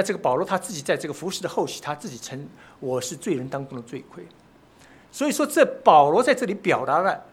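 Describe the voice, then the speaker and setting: A man's voice: on the high side, a little hiss or hum. A man preaching a sermon, speaking with frequent filler sounds and rising emphatic peaks. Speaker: pastor.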